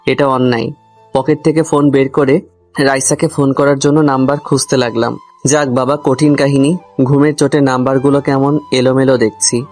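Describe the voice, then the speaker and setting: Narrating a comic love story in the first person, a man speaks at normal speed in a medium, level, darkish-toned voice. Grumbling, he talks straight to the listener while background music plays under his voice.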